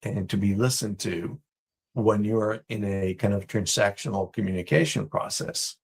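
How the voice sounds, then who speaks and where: Male guest from Israel, lowish husky voice, unhurried and reflective. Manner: thoughtful, measured, with many fillers. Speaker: business guest. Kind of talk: conversational interview answers.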